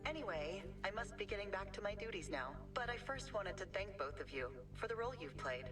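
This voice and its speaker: A woman voicing a calm, quietly menacing female AI that runs a vast facility in a video game, heard over game music. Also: medium pitch, a little fast, far from the mic, natural voice.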